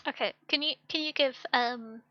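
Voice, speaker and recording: A woman's voice: high voice, normal speed, dry recording, highs cut off. A woman hosting a book club livestream, talking casually with many fillers and a slight lisp. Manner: hesitant, many fillers, reading content warnings aloud. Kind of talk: casual live-stream chat.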